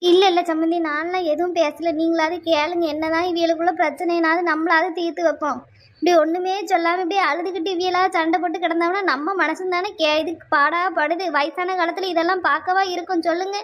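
A fretful elderly mother-in-law from a cartoon family drama, voiced by a performer. Her squeaky, very high voice rushes on, pleading and insistent. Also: steady tone, fairly bright tone.

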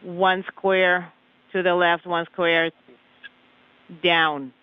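A man dictates spacecraft readings over a radio transmission in halting, measured phrases. His voice sits high and he takes his time between figures. The sound is muffled and dull. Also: little pitch movement, clean tone. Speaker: spacecraft docking radio communicator. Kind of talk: technical radio callouts of numbers.

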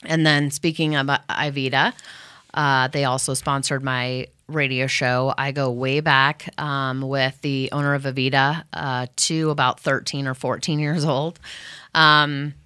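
A woman's voice: a bass voice, little pitch movement, a little slow, bright, forceful tone, clean tone, no echo, clean studio sound. A woman radio host thanking her sponsors in a loose, rambling chat full of fillers and restarts. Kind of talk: casual thank-you to sponsors.

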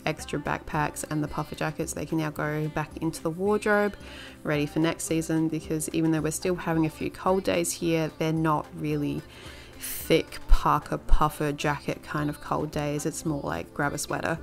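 A woman's voice: deep voice, flat delivery, moderate pace, creaky, faint music behind. A woman narrating her home cleaning video in a casual, chatty voice-over, rambling a little with filler words.

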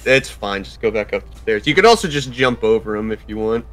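A man's voice: fairly low pitch, animated, a little fast, a bit bright. A man giving casual, sweary video game commentary as he advises the player in an instructive way. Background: video game music.

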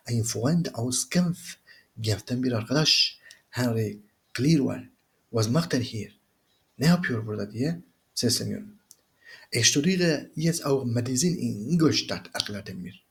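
Man reading German slowly, translating briskly. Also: mid-range voice. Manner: reads German slowly, then translates in quick conversational asides. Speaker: German teacher. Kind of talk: reading a German reader aloud and translating line by line.

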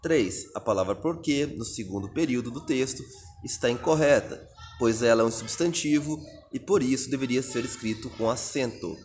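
A man's voice: medium pitch, normal speed, darkish tone, slight background noise. A Brazilian man teaching a recorded exam-prep lesson, reading out answer options and explaining each one step by step. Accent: Brazilian Portuguese.

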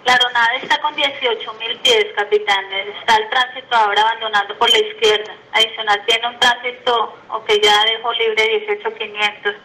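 Bright-voiced woman air traffic controller on radio. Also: on the high side, fairly even intonation, moderate pace, hardly any pauses, rough recording. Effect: aviation radio. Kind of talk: procedural radio instructions.

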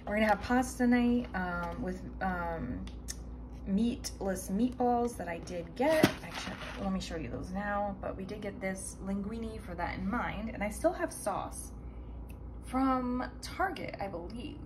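A woman's voice: mid-range voice, expressive, unhurried. Chatty woman vlogging a grocery haul. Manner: chatty, rambling, with many fillers and asides. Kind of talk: casual chat. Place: indoors at home. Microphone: handheld phone filming products. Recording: noticeable background noise.

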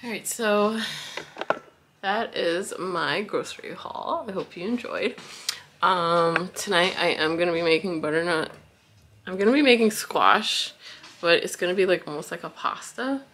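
With a lowish, fairly bright voice and a slightly slow pace, a woman in her thirties, a wellness vlogger, rambles through a grocery haul in her kitchen with plenty of fillers and "likes." She steps in and out of frame of her counter camera, and there's a little hiss or hum in the audio.

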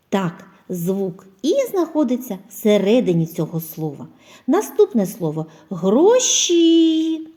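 A woman kindergarten teacher giving a phonics lesson to preschoolers, asking questions, pausing for answers and spelling out example words slowly and clearly. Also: mid-range voice, warm tone. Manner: asks questions and pauses for children's answers.

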